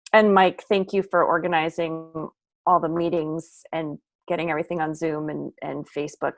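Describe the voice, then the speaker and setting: A woman's voice: low-pitched, no echo. A woman council member giving a friendly, chatty report over a video call. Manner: friendly, light laughs between remarks.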